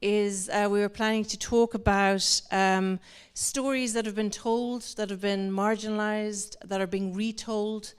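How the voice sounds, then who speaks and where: A woman with a medium-pitched, clear and resonant voice moderates an art talk before a live audience in an indoor venue. She speaks steadily and unhurriedly in a semi-formal manner, her sentences long, winding and hesitant.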